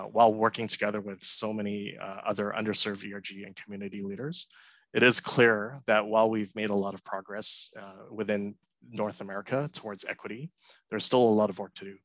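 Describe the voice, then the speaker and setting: Flat-voiced man giving an earnest talk. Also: on the low side, no echo, low-quality recording. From Hong Kong. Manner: earnest, measured, frequent uh fillers. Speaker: conference speaker. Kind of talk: prepared talk. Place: home room, indoors. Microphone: headset mic on a video call.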